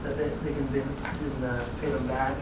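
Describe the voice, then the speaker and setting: This man's voice is mid-range, flat and moderately paced as he briefs a city council for a regional planning agency. He explains easily and chuckles at his own side remarks. Expect echo, distance from the mic and noticeable background noise.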